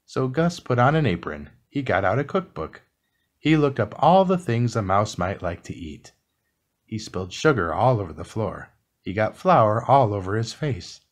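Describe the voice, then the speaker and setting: A man reading a children's book aloud as calm bedtime narration, soft and unhurried. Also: fairly low pitch. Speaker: storybook reader.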